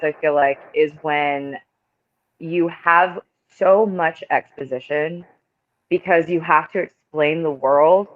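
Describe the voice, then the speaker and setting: A woman actress chatting as a guest on a livestream, speaking in a chatty, animated way over a video call. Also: low voice. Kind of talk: casual livestream chat. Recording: tinny phone-like call audio.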